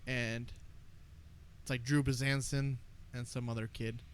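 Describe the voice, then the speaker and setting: A man's voice: mid-range voice, flat delivery, measured pace, a little hiss or hum. A young American man chatting casually and telling stories in a boisterous, sweary frat-bro way as a podcast co-host. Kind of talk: casual chat, storytelling.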